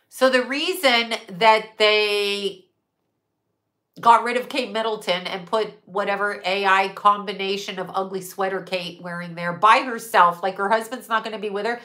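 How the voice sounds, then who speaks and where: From a room at home, a middle-aged woman hosts a live stream and rants bluntly, swearing a lot and gesturing emphatically with her hands. Her medium-pitched voice is pushed and bright, her nose stuffy, and a webcam at desk distance picks her up.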